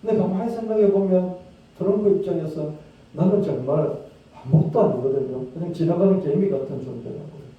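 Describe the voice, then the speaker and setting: A man preaching a sermon as pastor, talking conversationally, asking his listeners questions, and acting out hushed pleading prayers. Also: a little high, a little fast. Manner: conversational, asks the congregation rhetorical questions. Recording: distant, very echoey dull-sounding room.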